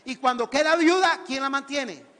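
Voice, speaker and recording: A man's voice: very high voice, moderate pace, bright, forceful tone. A man with a Costa Rican accent preaching a theatrical sermon in church, firing questions at the congregation. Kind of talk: lively sermon. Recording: church hall reverb.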